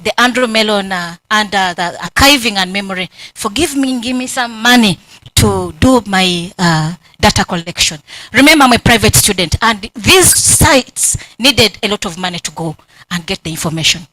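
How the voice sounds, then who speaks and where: A Ugandan woman with a Ugandan English accent, giving emotional, animated thanks at her doctoral defense and acting out remembered conversations. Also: medium pitch, moderate pace, no room sound, rough recording. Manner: emotional, grateful, animated storytelling with quoted dialogue. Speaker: PhD candidate. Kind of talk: acknowledgements at a thesis defense. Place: university hall.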